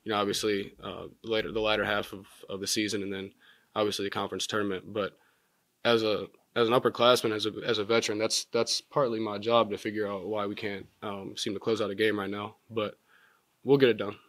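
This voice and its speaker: A young man in his twenties, a college basketball player answering postgame press questions in a measured way with many filler words, seated at a table mic in a press room. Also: on the low side, level tone, fairly bright tone, no room sound. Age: 20s. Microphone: table mic in front.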